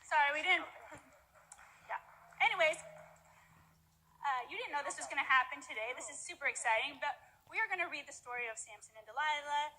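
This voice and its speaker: A woman's voice: high-pitched, a little fast, pauses often, sharp tone, low-quality recording. A woman pastor narrating a scripture story in church, upbeat and playful as she guides volunteers. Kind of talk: narrating a scripture skit to a congregation.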